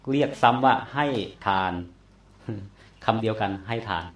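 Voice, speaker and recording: A man teaching a Pali grammar lesson, explaining slowly and repeating terms to drill pronunciation. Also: lowish voice, gravelly. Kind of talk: classroom lecture. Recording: echoey room.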